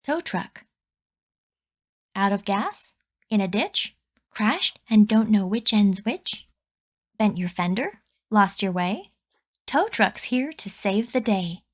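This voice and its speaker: A woman reads a rhyming children's picture book aloud in a mid-range voice, using deliberate, expressive storytelling phrasing.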